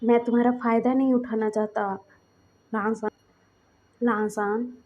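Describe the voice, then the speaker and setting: A woman voicing a restrained young man who speaks softly and earnestly. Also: fairly high pitch, level tone, a little slow, narrow, tinny audio, natural voice. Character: restrained young male alpha, gentle and firm.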